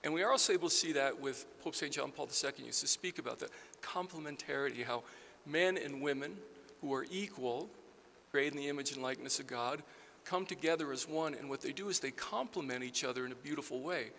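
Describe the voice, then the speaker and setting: Middle aged guy giving a church sermon, deliberate n emphatic, kinda gravelly, echoey church w some faint noise. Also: mid-range voice, sharp tone. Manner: deliberate, emphatic, repeats phrases for stress. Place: large church, at a pulpit. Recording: reverberant church hall, background noise.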